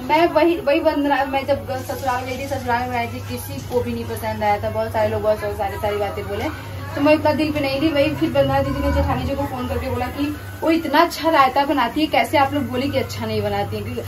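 A woman's voice: sits high, quick pace, over music, poor audio. A young woman chatting while cooking in a home kitchen vlog. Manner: talkative, lively, cooking while she talks. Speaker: vlogger. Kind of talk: casual kitchen chat.

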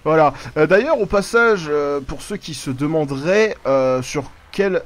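Speaking unhurriedly in an expressive, fairly high voice, a man provides casual live commentary on his gameplay as a gaming YouTuber. He rambles, swears often and stops mid-thought to react to what's happening.

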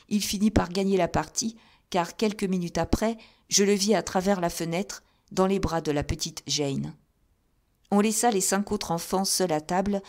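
A woman narrating an audiobook of a classic novel in an even, measured storytelling manner. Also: fairly low pitch. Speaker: audiobook reader.

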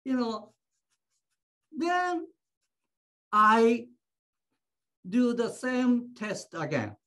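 High-voiced woman teaching very slowly. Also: sing-song, fairly bright tone. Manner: short phrases, acts out patients. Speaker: shiatsu teacher. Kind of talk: teaching through an interpreter.

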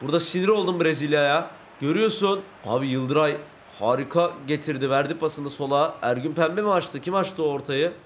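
Excitable young man commentating gameplay. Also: a little high, fairly quick, few pauses, a little hiss or hum. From Turkey. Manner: excitable, swings between groaning and shouting over plays. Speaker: gaming YouTuber.

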